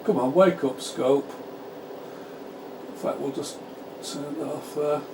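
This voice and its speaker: Working at his bench in a small home workshop, a man who hosts a radio repair channel talks slowly in a fairly high voice, explaining step by step and thinking out loud. Cooling fans on the test gear create a constant hum behind him.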